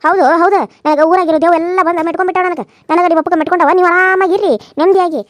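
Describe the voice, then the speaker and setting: A woman's voice: fairly even intonation, rapid-fire, no echo. A woman with a North Karnataka Kannada accent voicing a furious middle-aged mother-in-law who berates and repeats herself in a cartoon serial. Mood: raging. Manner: shrill, berating, repetitive scolding.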